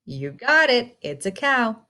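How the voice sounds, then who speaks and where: A woman reads a children's picture book aloud simply and deliberately, teaching as she goes and asking the listener questions. Her fairly high, bright voice swings widely in pitch and has a forceful edge.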